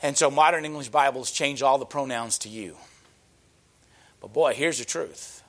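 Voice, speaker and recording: Middle-aged guy preaching, punchy, keeps answering objections, gets loud on the big points. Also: medium pitch, moderate pace. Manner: emphatic, rising to loud peaks on key points; rhetorical, answers imagined objections. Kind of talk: sermon.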